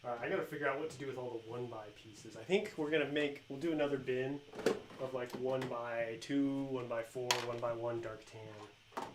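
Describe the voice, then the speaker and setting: A relaxed man with a mid-range voice talks through his work on a live stream. His voice rings in a roomy space, and noise is clearly heard behind him. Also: mid-range voice, a little fast. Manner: relaxed, explains while working with his hands. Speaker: host. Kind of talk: casual live-stream chat. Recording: echoey room with clear background noise.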